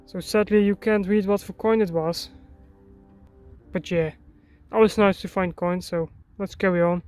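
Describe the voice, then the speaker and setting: Calm man narrating a field vlog. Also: sits high, clear, resonant tone, soft background music. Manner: calm, matter-of-fact with filler pauses. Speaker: channel host and metal detectorist. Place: outdoors in a field.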